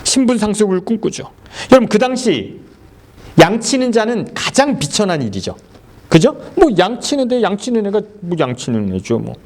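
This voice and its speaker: A male pastor delivering a sermon in a church service, voice a little high for a man. He talks in a very animated way, with wide swings in pitch. He keeps throwing questions at the congregation. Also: moderate pace. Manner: animated, quizzes the congregation, laughs often.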